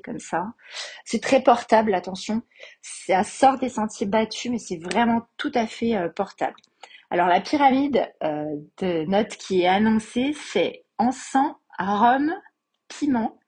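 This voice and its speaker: A woman hosts her own perfume podcast, talking through a fragrance in a relaxed, unscripted way. Her voice is soft and breathy, at a middle pitch. She pauses often with fillers and lights up as she describes the notes. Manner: hesitant, many fillers, enthusiastic about scents. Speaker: podcast host reviewing perfumes. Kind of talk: casual spoken review.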